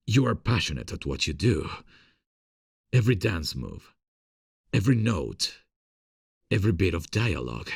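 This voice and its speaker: In an intimate ASMR romance roleplay, a man plays a gentle, earnest theatre director in love, speaking tenderly, confidingly, and hesitantly in a low, husky voice. The performance is heavily acted, with clean studio sound and no echo.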